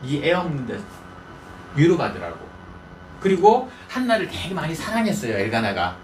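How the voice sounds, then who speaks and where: A man's voice: fairly high pitch, huge pitch swings, normal speed, slight background noise. A male pastor preaching in a folksy storytelling manner, often asking the congregation questions. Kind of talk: conversational sermon.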